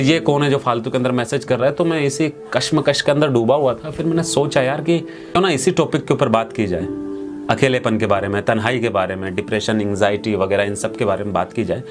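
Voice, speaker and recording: A young man hosting a storytelling channel, giving an earnest, reflective monologue and asking the listener direct questions. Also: medium pitch. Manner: earnest, direct, speaks straight to the viewer with questions. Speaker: poetry and storytelling channel host. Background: background music.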